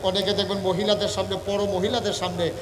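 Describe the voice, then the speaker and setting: High-voiced preacher in an echoing hall. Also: male voice, a little fast, crowd noise. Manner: animated storytelling that slides into sung, chanted phrases. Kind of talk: humorous sermon at a religious gathering. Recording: echoey hall, far from mic.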